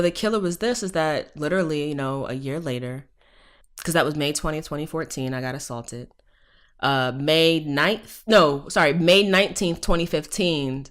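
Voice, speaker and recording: A woman in her thirties with a low-pitched voice speaks as a guest on a podcast interview. She tells her story candidly and emphatically, swearing freely and building to forceful rhetorical questions. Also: clean tone. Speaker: professor guest.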